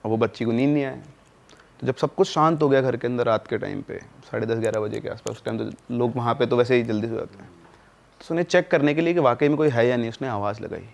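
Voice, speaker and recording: Guy on a podcast telling a creepy story, chatty, mid pitched, talks straight to you. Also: fast, creaky. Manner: conversational, dramatic asides to the listener. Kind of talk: casual spoken horror storytelling.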